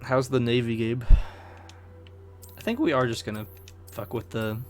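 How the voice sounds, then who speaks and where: A man's voice: medium pitch, normal speed. A man streaming a video game, talking in a laid-back, joking way and chatting with viewers. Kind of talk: casual gameplay commentary.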